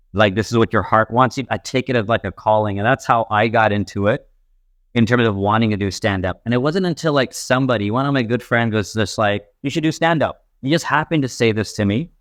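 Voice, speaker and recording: A young Pakistani man speaks a little fast in a voice on the low side and a bit bright, recorded in studio quality with no room sound. He's a stand-up comedian appearing as a podcast guest, chatting casually and rambling with lots of fillers.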